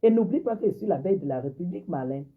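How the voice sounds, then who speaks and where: A woman with a husky, breathy voice hits back at someone in a heated live-stream rant. She mocks her target and repeats her points again and again. Her voice comes through a tinny phone line. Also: fairly low pitch, lively intonation, racing. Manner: confrontational, mocking, repeats herself. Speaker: social media personality.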